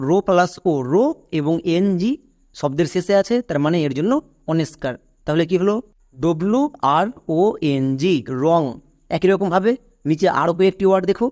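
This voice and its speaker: A man with a high, slightly mellow voice teaches English pronunciation as a step-by-step spelling lesson. He spells each word letter by letter, then says it slowly, and he asks his own questions and answers them.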